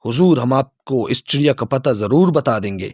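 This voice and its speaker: A man's voice: medium pitch, lively intonation, a little mellow, no room sound, clean studio sound, close to an everyday voice. A man voicing the polite, humble fields. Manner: polite, deferential.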